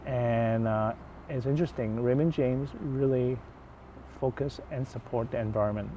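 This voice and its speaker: Thoughtful, dark-voiced older man outdoors. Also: mid-range voice. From Hong Kong. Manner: thoughtful, halting, restarts phrases. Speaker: interview guest, financial advisor. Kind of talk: outdoor interview chat. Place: outdoors in the woods. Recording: dull lo-fi outdoor audio, faint noise.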